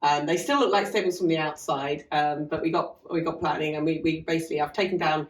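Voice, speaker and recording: On a casual podcast, a woman running a farm learning hub talks fast in a low, steady voice, chatty and meandering with jokes at her own expense about her farm. She sits in a half-open converted cart lodge, where the room echoes and the mic is placed at a distance.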